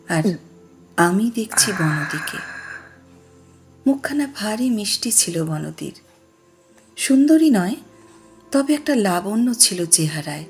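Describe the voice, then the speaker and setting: A woman reading a story aloud in an unhurried, tender narration. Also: on the low side. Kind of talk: audiobook narration.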